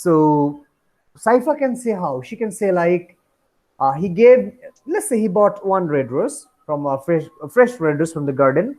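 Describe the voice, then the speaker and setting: A man's voice: high-pitched, big pitch swings, drawn-out words, a little mellow. Male teacher checking students follow. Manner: mixes Bengali and English, often checks if students follow. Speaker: English phonetics teacher. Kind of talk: classroom lecture.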